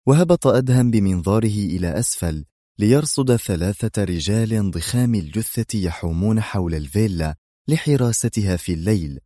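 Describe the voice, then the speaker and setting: A man narrating a novel in a measured storytelling manner. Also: fairly low pitch, lively intonation, mellow, dry recording, studio quality. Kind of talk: audiobook narration.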